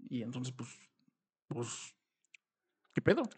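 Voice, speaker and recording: A man with a Mexican Spanish accent casually retelling a horror story, acting out the characters' argument in slangy, animated talk. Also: medium pitch, takes it slowly, slightly rough. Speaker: podcast host.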